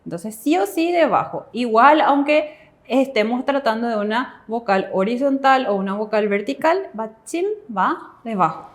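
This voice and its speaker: Female co-teacher, somewhat high voice, steady step-by-step explanations. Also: moderate pace. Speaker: language teacher answering questions. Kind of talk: classroom explanation.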